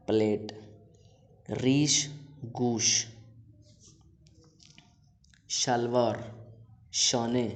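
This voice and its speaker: A man teaching a recorded language lesson, reading out word lists slowly and then explaining each word plainly to his students. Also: mid-range voice, a little mellow. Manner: addresses students directly with instructions.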